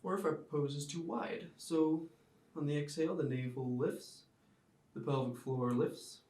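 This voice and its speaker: A man teaching a yoga class, giving calm step-by-step cues timed to the breath. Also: fairly high pitch, unhurried. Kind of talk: guided yoga class instruction. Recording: roomy sound, mic at a distance.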